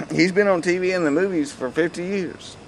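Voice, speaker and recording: A man voicing a big, easygoing cowboy son who calms the others down, reading a comic script. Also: high voice, moderate pace, a little hiss or hum, voice pushed up.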